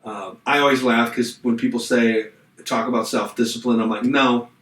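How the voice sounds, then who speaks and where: A man's voice: medium pitch, steady tone, moderate pace, a bit bright, far from the mic. Reflective middle-aged man in an echoey room. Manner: reflective, rambling with restarts and self-deprecating jokes. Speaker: podcast co-host, pastor. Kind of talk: casual chat.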